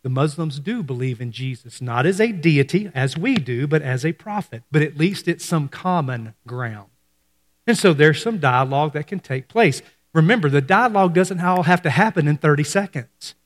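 A man's voice: fairly high pitch, animated, moderate pace, long reverb tail. A man preaching a sermon as pastor, talking conversationally to his congregation and dropping his voice for emphasis. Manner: conversational preaching, acts out quoted voices, drops to hushed emphasis.

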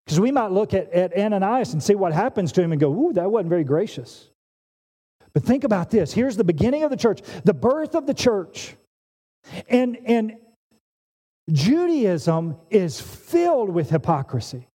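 A man in his forties preaching a sermon, animated and emphatic, often restarting his phrases. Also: high voice, normal speed, breathy edge. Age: 40s. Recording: long hall reverb.

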